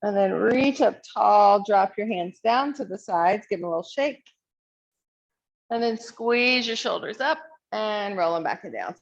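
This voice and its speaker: A woman leading a yoga class, calmly and encouragingly cueing each pose and stretch. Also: mid-range voice, measured pace, gravelly, lo-fi sound. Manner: calm, encouraging cueing of poses. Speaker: yoga instructor. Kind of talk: guided yoga class instruction.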